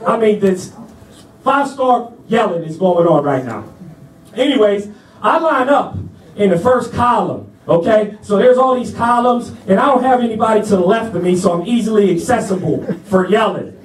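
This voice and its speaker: High-voiced man telling a stand-up story. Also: animated, moderate pace, reverberant, distant mic, rough recording. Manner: laid-back, chatty, asks the crowd "you know what I'm saying". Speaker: stand-up comedian. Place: comedy club stage.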